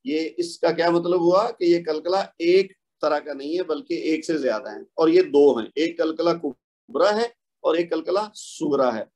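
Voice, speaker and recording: A man with a slightly high, darkish voice teaches a tajweed recitation lesson. He patiently explains the rules and sounds out examples to model pronunciation, posing questions and then answering them himself.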